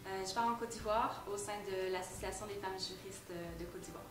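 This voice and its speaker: A woman's voice: mid-range voice, fairly even intonation, fairly quick. A woman from Canada answering interview questions casually, with many fillers. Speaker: volunteer. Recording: echoey room, far from mic, noisy.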